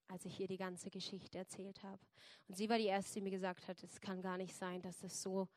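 A woman's voice: medium pitch, a little mellow, dry recording. Earnest woman telling her faith story. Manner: earnest storytelling, addresses listeners directly. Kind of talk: personal testimony to an audience.

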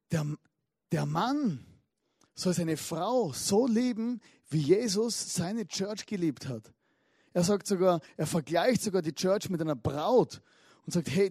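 Guy preaching, pretty high voice, lots of side comments, dry close mic. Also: unhurried, dry recording. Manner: animated storytelling with frequent asides. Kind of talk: lively sermon.

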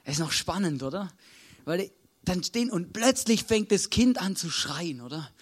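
A man's voice: sits high, animated, moderate pace, breathy edge. A man with an Austrian accent preaching a sermon in a conversational way, checking in with listeners after nearly every sentence. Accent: Austrian German.

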